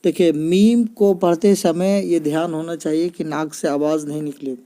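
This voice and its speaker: A man's voice: a little high, fairly even intonation, moderate pace, warm tone. A man teaching children's reading in a patient explanatory style, often checking in with listeners. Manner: patient, repeats points with "ठीक है ना". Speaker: teacher of Arabic letters for children.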